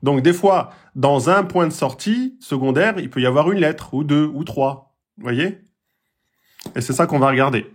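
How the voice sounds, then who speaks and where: A man's voice: fairly high pitch, normal speed, husky. A man teaching pronunciation in a patient lesson, repeating points, checking with his students and sounding out vowels himself. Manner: demonstrates vowel sounds aloud. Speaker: Quran recitation teacher. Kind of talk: slow, patient explanatory lesson.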